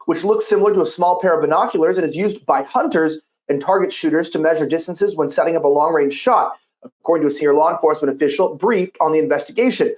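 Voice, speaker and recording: Skeptical male political commentator. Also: high-pitched. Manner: skeptical, conversational, quick asides.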